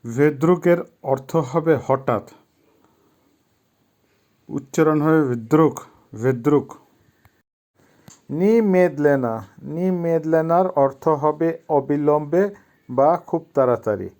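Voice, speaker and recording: A man teaching a vocabulary lesson, saying each word, giving its meaning, and repeating it slowly for pronunciation. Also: on the high side, a little mellow. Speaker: language teacher.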